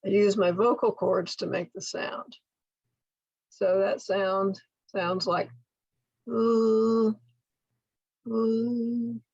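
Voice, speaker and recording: An older woman teaching in a slide presentation, speaking slowly and enunciating carefully as she models speech sounds step by step. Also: medium pitch, level tone, creaky, slightly rough, no echo, highs cut off. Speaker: workshop instructor for literacy tutors. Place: indoor room at home, video call.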